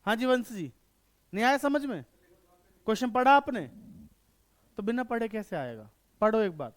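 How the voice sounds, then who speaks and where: A man teaches an online accountancy lesson in a very high, smooth, resonant voice. He fires quick questions at his students and answers each one himself, checking again and again that they follow. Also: big pitch swings. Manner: repeats checks for understanding. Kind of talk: online class lecture.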